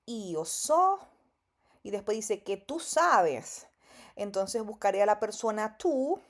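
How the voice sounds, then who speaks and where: A woman teaching Italian grammar to beginners, patient and drawn-out, with many filler sounds. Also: mid-range voice, darkish tone.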